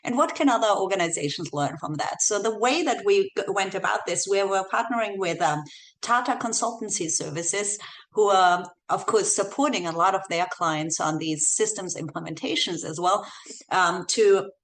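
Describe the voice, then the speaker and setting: A woman from Austria, appearing as a guest researcher on a podcast, explains a report with lots of um and uh fillers in her Austrian accent. Recorded in her Bay Area home office, her medium-pitched, fairly bright voice keeps a normal pace.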